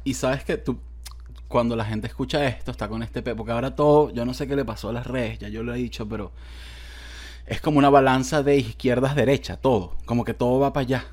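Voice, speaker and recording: A man's voice: mid-range voice, steady tone, fairly quick, darkish tone. A man with a Venezuelan accent, hosting a casual chat with slangy, joking banter. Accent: Venezuelan Spanish. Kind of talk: casual podcast conversation.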